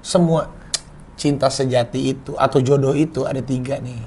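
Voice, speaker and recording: A man's voice: mid-range voice, fairly even intonation, moderate pace, darkish tone, slightly rough. A man in his thirties in a casual chat, playful and laughing, explaining his points through made-up everyday examples. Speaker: co-host.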